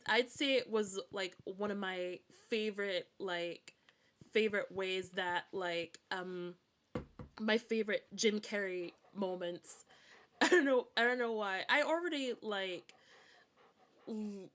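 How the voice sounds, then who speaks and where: A Scottish woman with a somewhat bright, mid-range voice chats casually on a gaming livestream. Her accent blends American and British Scottish, and she rambles hesitantly, often looping back to repeat phrases.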